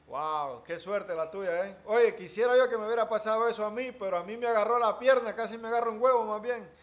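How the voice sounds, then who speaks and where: Guy with a fairly high voice telling stories in a chat, animated, tosses in english words here and there. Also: fairly quick. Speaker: interviewee. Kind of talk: casual conversation.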